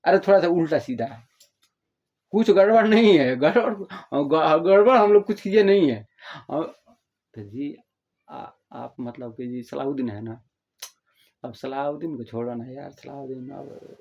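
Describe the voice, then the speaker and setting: An older man explaining in a casual, rambling way, repeating himself and acting out the listeners' replies in a softer voice. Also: medium pitch, gravelly, husky. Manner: addresses listeners as "babu". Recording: dull lo-fi audio.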